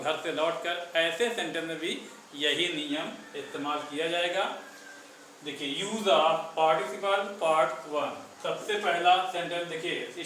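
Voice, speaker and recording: A man teaching an English grammar lesson in a classroom, slowly repeating words one at a time. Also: a little high, pushed and bright, a little hiss or hum. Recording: echoey room from far off.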